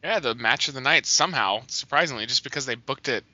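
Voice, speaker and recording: An opinionated man co-hosting a casual podcast chat, cursing and leaping between tangents. His voice is very bright and forceful. It sits at a middle pitch on a dry, slightly dull lo-fi recording. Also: no room sound. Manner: opinionated, swearing, quick tangents.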